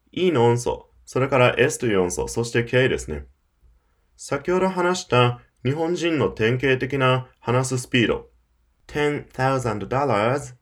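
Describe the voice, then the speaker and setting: A man teaching English pronunciation in Japanese, explaining in an emphatic scripted audio lesson. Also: medium pitch. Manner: explanatory, emphatic, demonstrates English phrases at varied speeds.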